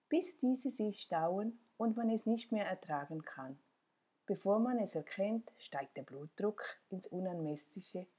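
Woman narrator, lowish mellow voice, calm direct self-help reading. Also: breathy edge.

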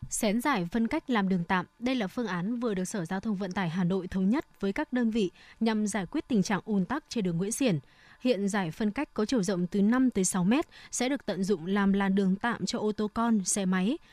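A woman presents scripted radio news. Her delivery is formal and measured, in a medium-pitched voice. The sound is close and dry, with little room in it. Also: a little mellow, no room sound.

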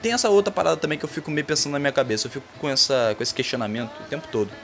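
Fast, profane ranting Brazilian man. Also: fairly high pitch, creaky, soft background music. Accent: Brazilian Portuguese. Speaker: comedy podcast host. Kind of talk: comedic rant monologue.

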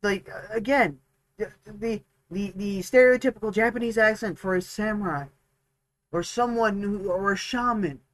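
A man's voice: sits high, normal speed, a bit bright, dry recording, low-quality recording. A man co-hosting a tabletop gaming podcast, chatting casually and rambling with many restarts and fillers. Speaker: podcast co-host, dungeon master. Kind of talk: casual chat.

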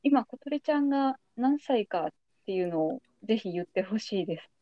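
A woman's voice: fairly high pitch, expressive, moderate pace, dry recording, highs cut off. A young adult woman hosting a podcast, chatting casually as she interviews a guest. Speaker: podcast host.

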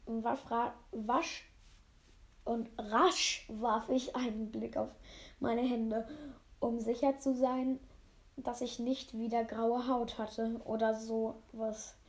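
Reading a German novel for a rough amateur audiobook, this woman speaks slowly in a slightly high, even tone. She stumbles frequently and repeats phrases she's tripped over.

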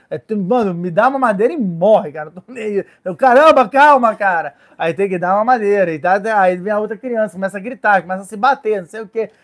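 A man with a Brazilian Portuguese accent giving an informal Torah lesson as a rabbi, lively and joking, often acting out little voices. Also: sits high. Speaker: rabbi teaching a Torah class.

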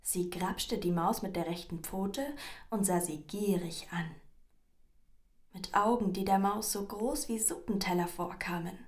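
A woman reading a children's story aloud with expressive, dramatic pauses. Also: medium pitch.

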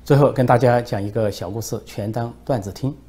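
A man's voice: medium pitch, fairly quick, mellow. A man giving solo political commentary in an emphatic way, with frequent fillers.

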